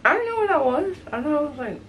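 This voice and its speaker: A woman's voice: sits high, sing-song, fast talker, a bit bright, slight background noise. Whiny woman chatting while eating. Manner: protesting, whiny, laughs at herself. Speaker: vlog co-host. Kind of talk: casual chat while eating.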